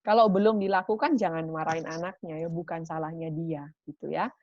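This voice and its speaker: A woman with a lowish voice gives a parenting talk. She explains patiently and keeps checking in with her listeners. The recording is dry and a little dull. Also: steady tone, fairly quick, no room sound. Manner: warm teaching tone with frequent "gitu ya" tags. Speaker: parenting speaker.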